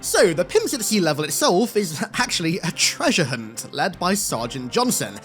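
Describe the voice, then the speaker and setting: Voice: medium pitch, sing-song, moderate pace, fairly bright tone, faint music behind. An enthusiastic video host giving scripted game commentary in an emphatic, hyperbolic way.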